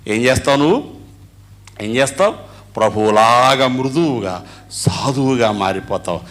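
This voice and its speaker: A male pastor with a Telugu accent, preaching a Sunday sermon in call-and-response style, swinging from loud to hushed. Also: medium pitch, animated. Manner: call-and-response preaching, asks the congregation to answer; sings hymn lines slowly mid-sermon.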